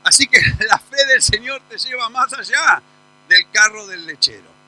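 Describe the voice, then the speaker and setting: A male pastor preaches in a church. His voice sits very high for a man and rings bright and forceful. He tells stories in an animated, emphatic way. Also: moderate pace, rough recording. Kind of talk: sermon.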